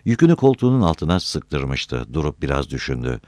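A man reading a novel aloud as an audiobook narrator, with an expressive storytelling delivery. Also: a bass voice, fairly quick, dry recording. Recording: dry close recording.

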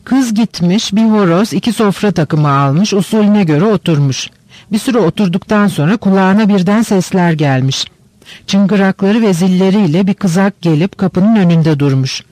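A man's voice: high-pitched, moderate pace, darkish tone, dry recording, lightly acted. A man reading the part of an unmarried old woman who tells a spooky fortune-telling tale in an audiobook. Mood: eerie. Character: unmarried old woman, family companion, fond of spooky tales.

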